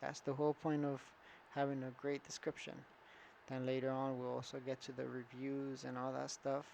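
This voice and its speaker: A man's voice: medium pitch, monotone, normal speed, gravelly, darkish tone, slight background noise, poor audio. A man walking through an online store setup in a casual screen-recorded tutorial, thinking aloud with fillers and restarts. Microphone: computer setup with screen recorder and camera.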